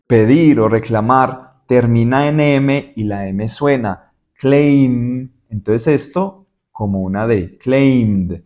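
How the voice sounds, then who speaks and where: Slow, patient male English teacher. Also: medium pitch, a little mellow. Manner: patient, slow, demonstrative explanation with repeated example words. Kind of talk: Spanish-language English lesson.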